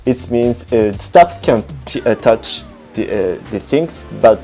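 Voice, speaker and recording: A man with a Japanese accent, chatting as a guest in an interview, hesitant with many fillers and quick to laugh. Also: mid-range voice, animated, dark tone, faint music behind. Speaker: guest YouTuber. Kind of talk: casual interview chat.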